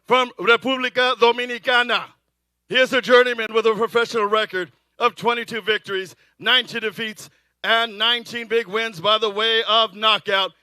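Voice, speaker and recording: A male ring announcer with a high, crisp, resonant voice and a dry, close sound. He delivers boxing introductions theatrically, like a lucha libre announcer, drawing out key phrases. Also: steady tone, no room sound. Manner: theatrical, drawn-out shouted names and phrases. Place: live boxing event.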